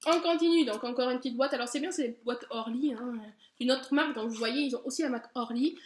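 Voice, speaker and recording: A woman with a high voice talks casually and gushes with enthusiasm as she presents her haul. The sound is echoey and roomy. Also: fast talker, a little hiss or hum. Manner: enthusiastic, gushing, chatty with fillers. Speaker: beauty vlogger. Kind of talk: casual product haul chat.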